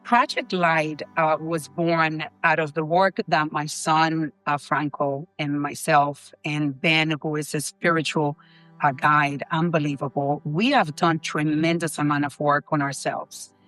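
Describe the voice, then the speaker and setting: A woman's voice: low-pitched, level tone, a little slow, a bit bright. Interview guest, woman from the Dominican Republic, eager and emphatic, faint music underneath. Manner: enthusiastic, emphatic, repetitive. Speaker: guest, co-founder of a leadership program. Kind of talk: interview answers.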